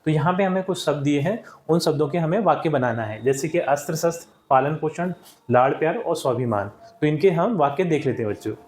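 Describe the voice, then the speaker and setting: Guy teaching kids a lesson, kinda high voice, explains slow and patient, echoey room. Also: a little mellow, a little hiss or hum. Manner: patient, explains step by step, often addresses children.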